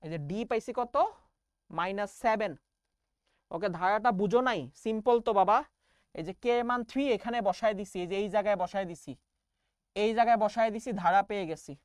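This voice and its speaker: A woman's voice: medium pitch, brisk, clear, resonant tone, dry recording, clean studio sound. A young woman math teacher. She explains step by step and calls her students "baba" in an online class lecture.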